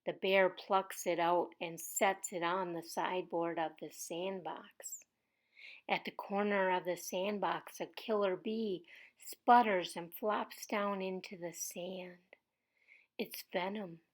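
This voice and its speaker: Slow, soft-spoken woman reading a story. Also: fairly low pitch, fairly even intonation. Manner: slow, soft, sometimes whispering. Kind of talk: reading a children's story aloud.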